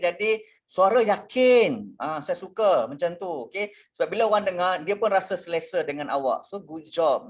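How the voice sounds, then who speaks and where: A Malaysian man coaching students in an online workshop, giving encouraging feedback and mixing in English words. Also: high-pitched. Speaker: webinar coach. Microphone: video call.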